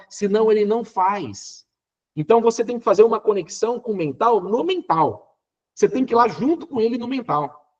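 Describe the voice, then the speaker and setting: A man with a fairly high voice teaches an Enneagram class in a motivational lecture style. He talks emphatically and keeps checking in with rhetorical questions. The recording sounds a little dull and lo-fi.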